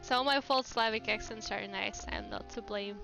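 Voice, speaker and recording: A woman's voice: mid-range voice, moderate pace, over music, poor audio. A woman with a Russian accent, chatting casually and rambling on a game livestream. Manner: chatty and rambling, laughs often. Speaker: VTuber streamer.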